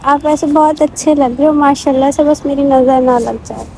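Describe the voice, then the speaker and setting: A woman's voice: high voice, fairly even intonation, moderate pace, vocal fry, mellow, slight background noise, rough recording. A young woman talking a man as she vlogs, pleading and soothing, mixing into her speech and repeating herself often. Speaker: vlogger. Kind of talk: emotional staged vlog conversation.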